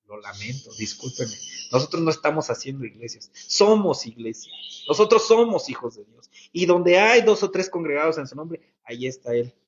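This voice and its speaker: A man's voice: on the high side, very animated, normal speed. A man preaching a sermon as a pastor, earnest and repetitive, asking the congregation rhetorical questions. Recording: muffled lo-fi sound.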